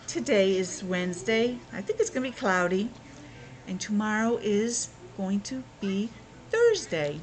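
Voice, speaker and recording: In a medium-pitched, sing-song, unhurried voice, a preschool teacher runs an interactive lesson for little kids. She's playful and full of exclamations, asking questions and sounding out words.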